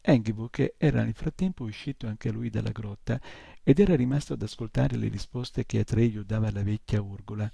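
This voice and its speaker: A man reading a novel aloud in a steady, measured storytelling manner. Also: on the low side, vocal fry, breathy edge, no echo. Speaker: audiobook reader.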